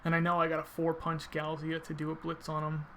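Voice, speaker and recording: A man's voice: fairly high pitch, monotone, a little fast, fairly bright tone, slight background noise. A man giving casual video game commentary, thinking aloud informally as he explains his technique.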